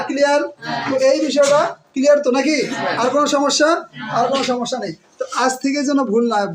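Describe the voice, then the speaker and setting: A male teacher giving an exam-prep grammar lesson. He asks his students questions, answers them himself, and repeats words slowly, stretching out each syllable. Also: very high-pitched, poor audio.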